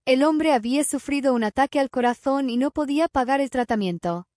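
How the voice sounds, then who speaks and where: A woman narrating a dramatic story in an even, measured reading. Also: sits high, no room sound, studio quality.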